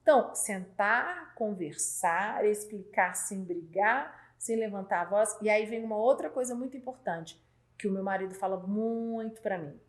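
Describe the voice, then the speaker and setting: A woman hosting a casual chat, loud and animated, acting out dialogue as she talks. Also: mid-range voice. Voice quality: loud speaking voice. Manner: animated, acts out dialogue with quick voice changes. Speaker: host.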